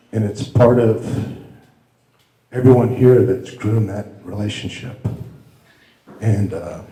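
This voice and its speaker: A middle-aged man, father of the bride, giving a rambling, halting wedding toast with many restarts. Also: lowish voice, dark tone. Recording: echoey room.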